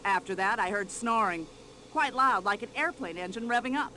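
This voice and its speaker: An actress voicing an older American widow in a video game, brash, nosy and quick to complain. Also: female voice, mid-range voice, slight background noise, close to an everyday voice. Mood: gossipy. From United States. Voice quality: loud, sharp-tongued and complaining.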